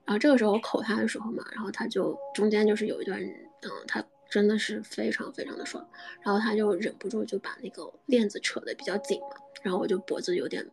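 A woman host telling a personal story in a soft, halting way, often dropping into a whisper. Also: mid-range voice, fairly even intonation, vocal fry, soft background music, poor audio. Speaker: podcast host. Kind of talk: intimate storytelling.

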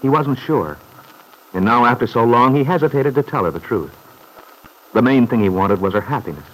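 A man narrating a 1940s radio drama in a measured, scripted storytelling manner. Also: mid-range voice, expressive, fairly bright tone, rough recording.

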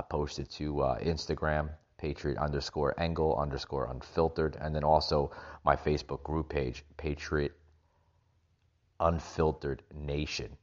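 A man hosting a political podcast, ranting with stumbling restarts, recorded with a makeshift setup in a rented vacation home with echo. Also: very deep voice. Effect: echoey room sound. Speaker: podcast host. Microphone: makeshift home setup without his usual equipment. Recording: dull lo-fi, echoey room.

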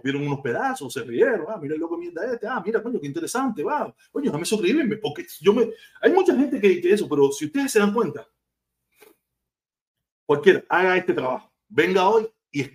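A man's voice: on the high side, darkish tone. A man from Cuba with a Cuban accent, ranting bluntly and profanely on a casual live stream.

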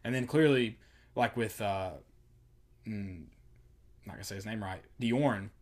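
A man's voice: on the low side, a little slow. Blunt man in casual sports chat. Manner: blunt, mocking, quotes coaches in put-on voices.

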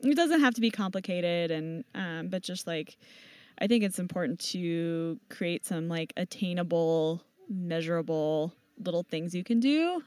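A woman who races mountain bikes professionally, answering interview questions in a relaxed way and thinking aloud with many fillers and restarts. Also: fairly low pitch, a little slow, clear, resonant tone, no echo. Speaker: professional mountain bike racer and team owner.

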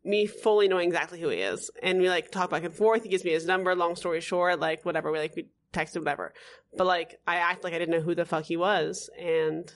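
A woman's voice: fairly low pitch, fast talker. American woman in her twenties, slangy storyteller. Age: 20s. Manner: slangy storytelling, re-enacting dialogue with "I'm like". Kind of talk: casual chat.

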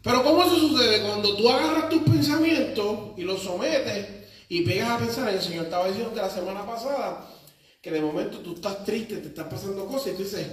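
A male pastor delivers a sermon in a high-pitched voice, emphatic and anecdotal with a humorous edge. He is picked up from a distance, and his words bounce around a heavily reverberant church hall. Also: brisk. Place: church service with congregation responses. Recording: very echoey church hall, mic far off.

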